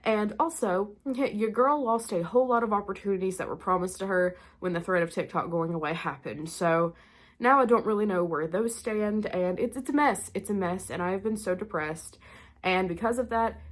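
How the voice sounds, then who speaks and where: Talking straight to camera, a young creator of spooky content chats and rambles, leaning heavily on "like" and other fillers. Her voice is medium-pitched but stuffed-up and nasal from being sick, and she sounds a little out of breath.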